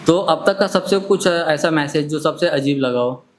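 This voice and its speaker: A man hosting the interview, asking long, rambling questions in a relaxed, casual way. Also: on the high side, moderate pace, a little hiss or hum. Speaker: interviewer host.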